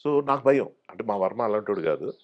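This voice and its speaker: Male actor, guest in a casual interview; lively storyteller who acts out the quotes. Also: lowish voice, fairly quick, highs cut off. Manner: animated storyteller acting out quoted voices.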